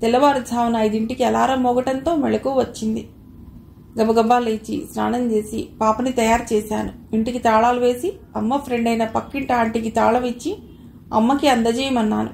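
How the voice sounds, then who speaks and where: A woman reading a first-person audio novel in a measured, expressive way. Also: fairly high pitch, gravelly. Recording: roomy echo, faint hiss.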